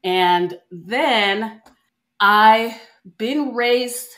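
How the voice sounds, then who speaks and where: Slow, cheerful woman from Jamaica. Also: fairly high pitch, fairly bright tone. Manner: cheerful, unhurried, laughs easily. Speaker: podcast guest. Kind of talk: conversational interview storytelling.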